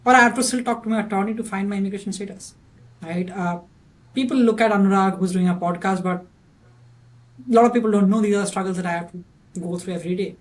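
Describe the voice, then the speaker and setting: A man with a thick Indian accent and a high-pitched voice hosts a podcast interview, firing off questions fast. He often restarts his sentences and habitually tacks on "right?" The recording is rough.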